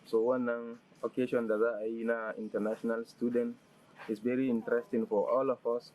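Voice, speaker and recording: A man's voice: mid-range voice, level tone, fairly quick, a little mellow, low-quality recording. A university student from Nigeria who casually switches between languages as he greets.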